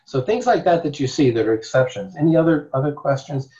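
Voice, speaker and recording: A man's voice: on the high side, expressive, fast, mellow. A man, a therapist, giving an informal class to a group. He talks emphatically and rambles, and he often asks rhetorical questions. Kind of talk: informal teaching talk. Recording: dull lo-fi recording.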